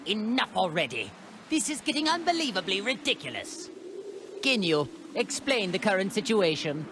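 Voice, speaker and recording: An actor playing a cruel, haughty alien tyrant in a video game, with formal, sneering, imperious speech. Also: male voice, high-pitched, big pitch swings, moderate pace, reverberant, noisy background. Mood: exasperated. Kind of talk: dramatic video game voice acting.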